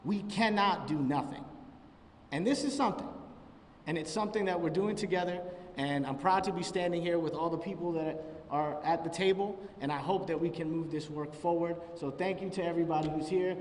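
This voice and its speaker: A man's voice: on the high side, brisk, a little mellow, far from the mic, slight background noise. Earnest man speaking in an echoey hall. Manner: earnest, emphatic public speaking. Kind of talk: speech at a press conference.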